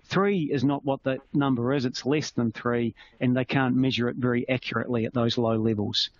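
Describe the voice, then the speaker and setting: A man's voice: mid-range voice, fairly even intonation, fairly quick, no echo. A man with a New Zealand accent, giving a conversational medical teaching webinar and explaining with everyday analogies. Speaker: clinician presenting a webinar. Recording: slightly muffled with faint noise.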